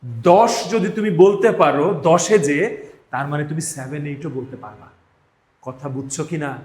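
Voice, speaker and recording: In an echoey indoor classroom, a man with a Bangladeshi accent teaches spoken English live, running drills. His voice is on the high side with a darkish tone, and he takes an unhurried pace. He is emphatic, repeats phrases, and checks that his students are keeping up.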